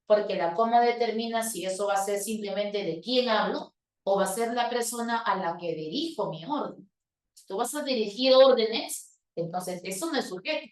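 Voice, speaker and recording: A woman teacher patiently explaining grammar to her students, talking to them directly and voicing their questions. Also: fairly high pitch. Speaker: language teacher. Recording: roomy sound from a distant mic.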